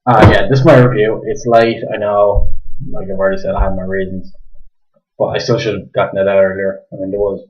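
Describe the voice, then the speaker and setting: A young Irish man with a fairly low voice gives a casual, rambling review while a bit drunk. He swears freely, backtracks often and keeps his volume down late at night. The webcam audio from his kitchen is dull and lo-fi. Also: level tone, brisk. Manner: rambling, sweary, self-correcting, keeping his voice down. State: slightly drunk. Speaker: manga reviewer. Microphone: webcam microphone.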